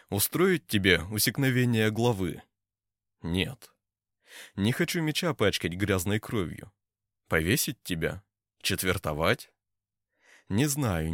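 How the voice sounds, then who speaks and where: A man voicing a stern, menacing warrior leader in an audiobook, in a cold measured tone. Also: on the low side, very animated, fairly bright tone, dry recording, clean studio sound. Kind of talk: audiobook character voice.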